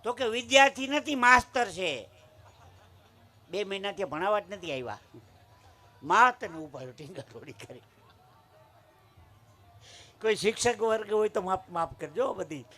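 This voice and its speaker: A man with a Kathiawadi accent tells folk comedy from a village stage, his voice pitched high and ringing with a sharp, bright edge. He lands each punchline hard and slips into the voices of the people in his stories. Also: expressive, a little slow, long pauses. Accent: Kathiawadi Gujarati. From Saurashtra, Gujarat. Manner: punchy joke-telling, acting out quoted voices. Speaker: folk storyteller and humorist. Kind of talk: live folk comedy storytelling. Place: live stage at a village religious event.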